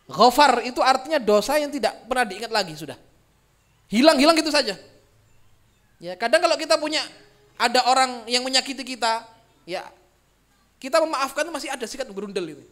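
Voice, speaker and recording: A preacher with a high voice, delivering a Quran commentary lecture to a live audience. He recites each verse slowly and then explains it in plain speech. His delivery swings sharply between loud, emphatic declarations and quiet, low asides. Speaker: Islamic preacher.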